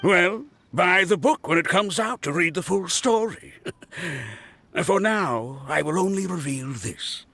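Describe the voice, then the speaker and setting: Gravelly, boastful game archaeologist, animated, faint music behind. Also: male voice, high voice, slow, exaggerated voice. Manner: boastful, lecturing and touchy. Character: pompous self-styled male archaeologist. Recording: game cutscene with faint score.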